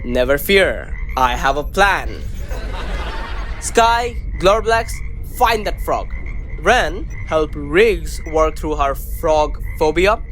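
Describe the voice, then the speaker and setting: A man's voice: fairly high pitch, lively intonation, slow, fairly bright tone, faint music behind. A man playing a self-important, lovesick starship captain in a sci-fi comedy audio drama. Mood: pompous, commanding. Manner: pompous. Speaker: ship captain.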